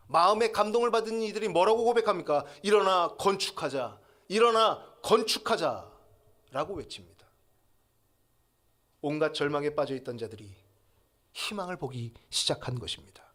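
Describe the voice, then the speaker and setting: Male pastor, sermon delivery, animated swooping pitch, emphatic build-ups, fairly high voice. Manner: lively preaching with rising emphatic peaks; leads the congregation in call-and-response.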